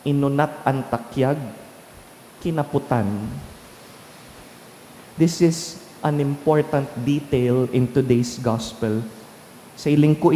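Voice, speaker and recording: Slow, mellow-voiced priest in an echoey church. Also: male voice, on the high side, a little hiss or hum. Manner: slow, unhurried homily mixing Bikol and English. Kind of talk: sermon. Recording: echoey church with long reverb.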